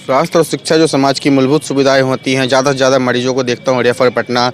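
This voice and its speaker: A male reporter asking an interviewee formal questions in a steady way. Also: mid-range voice, rapid-fire.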